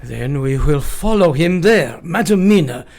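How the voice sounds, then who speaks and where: A man's voice: on the high side, expressive, measured pace, darkish tone. A man in a radio play acting a grave, courteous older professor who leads vampire hunters, speaking formally in old-fashioned phrases. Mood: solemn warning.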